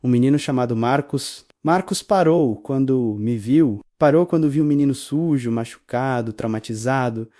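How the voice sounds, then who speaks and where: A man's voice: mid-range voice, moderate pace, few pauses, warm tone, no echo, clean studio sound. A man with a Brazilian accent narrating a first-person story in a solemn, emotional way.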